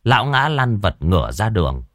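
Male storyteller, low and expressive, dry studio sound. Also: moderate pace, no echo. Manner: lively, vivid narration. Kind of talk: dramatic comic storytelling.

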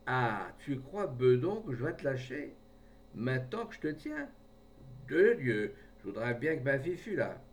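A man voicing a gruff, half-peasant older man who talks in a loud, rustic, blustering way, recorded from a distance with a faint rumble behind. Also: very animated, moderate pace. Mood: threatening.

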